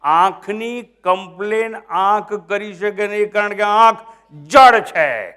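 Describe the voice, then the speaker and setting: An older man with a Gujarati accent giving a spiritual discourse, questioning his listeners and slipping in English phrases, moving between soft murmurs and loud emphatic points. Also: sits high, slow, clear, resonant tone. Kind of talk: sermon.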